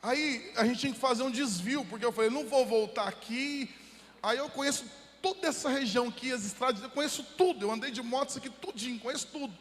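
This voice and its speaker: A Brazilian pastor from the interior of São Paulo preaches with a strikingly high voice, moving from storytelling into fervent exhortation. His words ring out with long reverb in a church hall. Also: fast talker, fairly bright tone. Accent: Brazilian Portuguese, São Paulo interior. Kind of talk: sermon with personal story.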